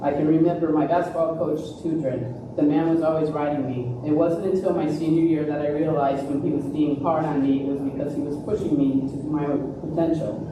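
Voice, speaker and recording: A woman's voice: low voice, fairly even intonation, brisk, hardly any pauses. Woman, coach, earnest award speech, very echoey hall, distant noisy recording. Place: large echoey room at a live ceremony.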